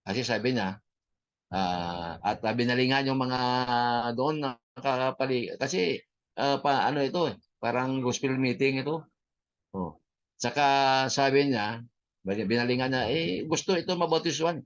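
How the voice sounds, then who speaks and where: A man with a Filipino accent teaching a church history class in an unhurried way, with many fillers and English phrases mixed in. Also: medium pitch, dull audio.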